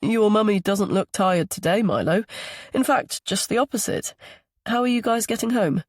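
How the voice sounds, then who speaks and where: A woman's voice: medium pitch, lively intonation, normal speed, no room sound, clean studio sound, voice pushed up, natural voice. A woman reading the part of a charming, attentive man on a date, speaking in an easygoing, persuasive way. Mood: friendly.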